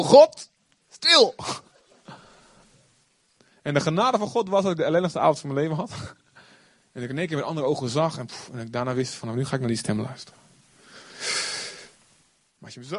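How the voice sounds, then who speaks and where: A man preaching a sermon, animated, acting out quotes with sudden loud outbursts. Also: fairly high pitch, fast talker, pauses often, dry recording. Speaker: pastor.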